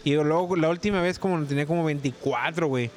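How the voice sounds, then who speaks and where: Guest: young man with a high voice and rapid, slangy, laugh-filled storytelling. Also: a little hiss or hum. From Mexico. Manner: animated storyteller, heavy slang, laughs often. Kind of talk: casual podcast chat.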